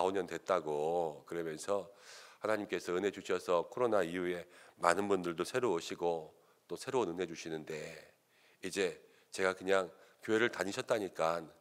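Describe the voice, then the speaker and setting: A male pastor telling a story in a sermon, acting out the voices of the people in it. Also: low-pitched. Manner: animated, acts out quoted voices of others. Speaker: senior pastor.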